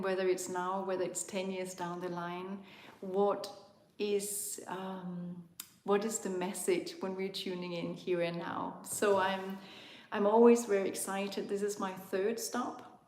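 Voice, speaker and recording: A Danish-accented woman from Denmark hosting a live online spiritual talk, speaking gently and searching for words with frequent ums. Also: mid-range voice, roomy sound. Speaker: spiritual host of an online tour.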